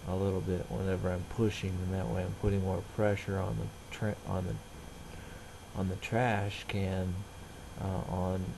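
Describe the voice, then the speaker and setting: A middle-aged vlogger talks very slowly in a somewhat low, heavily creaky voice. Plain-spoken, he rambles and halts while casually narrating everyday chores, with faint ambient noise in the background.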